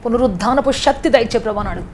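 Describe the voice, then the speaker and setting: A woman's voice: on the high side, fast talker, slight background noise. A woman preacher, delivering a fervent sermon that builds into impassioned prayer.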